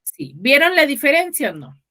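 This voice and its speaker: A woman's voice: high voice, very animated, moderate pace, pushed and bright. A woman teacher giving an online class, patient and checking in with students often. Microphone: video call.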